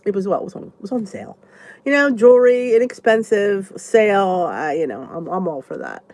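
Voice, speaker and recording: In a brisk, animated mid-range voice that's a little mellow, the stuffy-nosed vlogger fields viewer comments during a laid-back live chat. She rambles chattily and thinks aloud, and the recording is dry.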